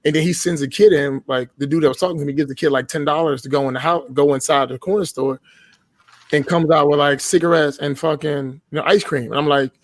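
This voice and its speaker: A man in his thirties talking fast and bluntly, swearing freely as he tells his stories. His voice sits a little higher than most men's. The sound is dry and close, with almost no room. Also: fairly even intonation, no echo. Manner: blunt and profane, laughs while telling stories. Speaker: podcast guest. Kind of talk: casual storytelling.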